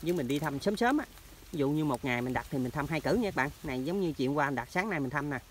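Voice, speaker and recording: A man's voice: on the high side, animated, fast, a little hiss or hum. A man with a Mekong Delta Vietnamese accent, chatting casually to viewers in an outdoor vlog while walking through rural orchards and canal banks. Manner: chatty, keeps addressing viewers as friends. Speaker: hunting vlogger.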